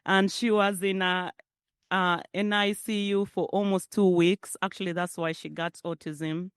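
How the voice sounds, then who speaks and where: A woman's voice: fairly low pitch, level tone, a little slow, clear, resonant tone, no room sound, studio quality. A middle-aged woman from Uganda with a Ugandan accent, giving a conversational keynote speech at a forum. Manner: warm, conversational, laughs often. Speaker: keynote speaker. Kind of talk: public speech.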